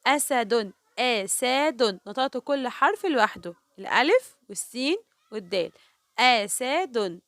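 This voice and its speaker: A woman with an Egyptian Arabic accent teaching a children's reading lesson. She asks questions and answers them herself, and stretches example words out slowly, syllable by syllable. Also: fairly high pitch, sing-song, a bit bright, dry recording.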